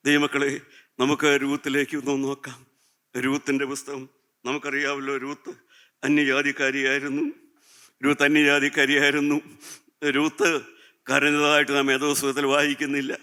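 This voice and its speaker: Fervent preacher guy, bright clean voice, keeps repeating lines and asking the crowd questions. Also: mid-range voice, smooth. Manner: fervent, repeats phrases and asks the listeners questions; addresses listeners as children of God. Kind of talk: sermon.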